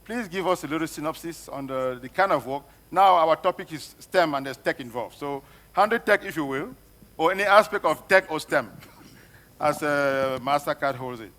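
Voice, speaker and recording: A man's voice: on the high side, lively intonation, normal speed, a bit bright. A man from Cameroon moderating a panel discussion, speaking emphatically and repeating phrases for effect.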